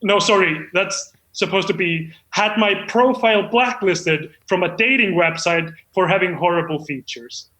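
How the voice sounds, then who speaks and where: Pitched high and sounding pushed and bright, this man hosts a comedy show as an eager, deluded amateur screenwriter presenting his own reading. At a normal pace with few pauses, he's effusive, polite and self-important, faltering when off script, in a mock talk-show monologue with roomy echo.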